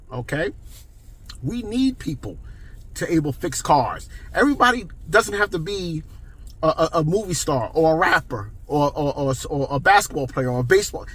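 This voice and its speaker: Man, 40s, vlogger: husky, slightly high voice, talkative and emphatic, keeps checking in with the viewer. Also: a bit bright. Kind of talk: casual monologue.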